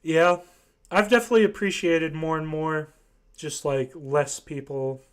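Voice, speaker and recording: A man's voice: fairly high pitch, steady tone, unhurried, clear, resonant tone. A young man from Ohio in casual chat, rambling and hesitant, full of fillers. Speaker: voice chat participant.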